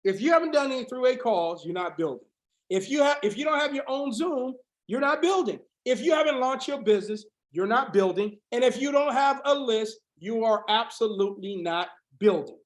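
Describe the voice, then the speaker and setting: A hoarse man coaching a business team on a video call, preaching with fire and breaking into shouts. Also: extremely high pitch, lively intonation, normal speed, echoey room. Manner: fiery preaching, rising to shouts. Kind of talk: motivational sales training on a video call.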